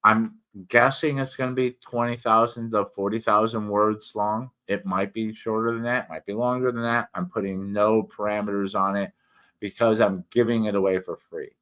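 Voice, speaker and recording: Deep-voiced man talking through a swollen mouth. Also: steady tone, fairly bright tone. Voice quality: speech slightly thickened by a swollen mouth. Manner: halting, with repeated words and many self-corrections. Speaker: host, reviewer and writer. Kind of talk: casual, rambling spoken review and personal update.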